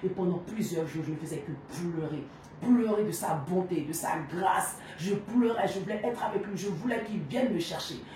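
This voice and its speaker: A woman's voice: on the low side, normal speed, mellow. Earnest woman in a very echoey space. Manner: earnest, intense, heartfelt. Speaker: speaker giving a testimony. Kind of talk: emotional personal testimony. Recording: very echoey, from far off, faint noise.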